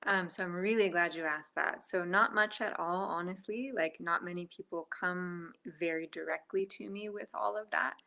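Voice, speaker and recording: Woman, gravelly voice, lowish pitch, soft-spoken, filler-heavy, phone video call from home. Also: normal speed, few pauses. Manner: soft-spoken, many fillers, drifts into whispers. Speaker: Reiki practitioner guest. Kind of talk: casual video call interview.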